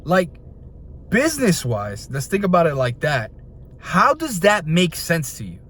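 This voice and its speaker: Young male host, heated rant, slightly high voice, restless and jumping between points. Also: unhurried, slight background noise. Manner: frustrated, animated, jumps between points. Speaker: video host. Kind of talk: ranting opinion video.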